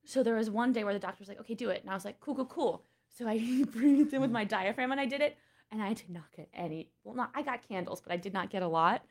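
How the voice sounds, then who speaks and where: A woman in her twenties, a podcast guest, chatting casually and telling animated, giggly stories. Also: a little high, quick pace. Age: 20s. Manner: animated storyteller, giggly, says "like" a lot. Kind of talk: casual chat.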